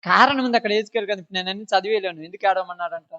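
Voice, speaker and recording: A woman's voice: mid-range voice, very fast, fairly bright tone, dull audio. A woman preaching an informal sermon who scolds her listeners and keeps asking them rhetorical questions.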